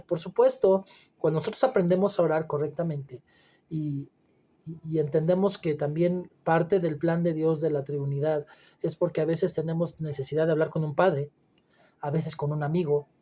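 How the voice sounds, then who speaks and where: Man preaching, husky and dark. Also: on the high side, fairly even intonation, normal speed. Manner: emphatic, conversational preaching with frequent fillers and restarts. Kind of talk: Bible reading and commentary sermon.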